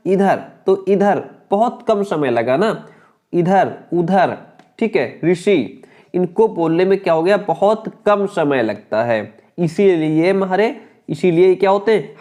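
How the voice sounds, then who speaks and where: A man teaching an exam-prep grammar lesson, his voice sitting fairly high for a man. He works through the material by asking questions and answering them himself, repeating each key point before moving on. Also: a little mellow.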